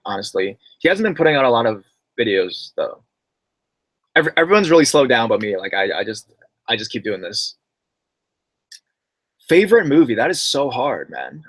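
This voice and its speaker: This young man has a lowish, fairly bright voice with no echo. On his live stream he reads horror stories from viewers, then relaxes into slang-filled chatter, calling listeners bro and dude.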